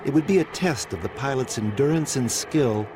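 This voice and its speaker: A man's voice: medium pitch, expressive, normal speed, crowd noise, rough recording. A man reading scripted documentary narration as the narrator. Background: music bed.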